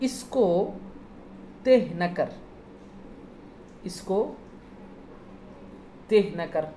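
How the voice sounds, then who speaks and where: Woman Urdu teacher, patient letter-by-letter spelling, lowish dark voice, roomy recording with faint night street noise. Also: expressive. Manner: slow, repetitive spelling out of words letter by letter. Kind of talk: spelling lesson for online class. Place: indoors at night, city street sounds outside.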